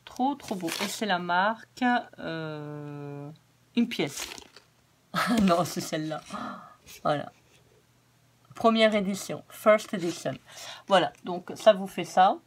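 Hoarse woman chatting through a haul. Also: on the low side, takes it slowly, long pauses, slight background noise. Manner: chatty, repeats words for emphasis. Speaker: craft vlogger. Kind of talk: casual product haul.

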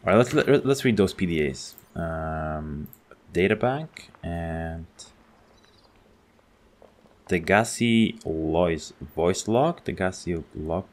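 Speaking slowly in a very low voice, this gaming channel host walks through a video game in relaxed let's-play fashion. He chats eagerly, voicing his thoughts as he wanders around.

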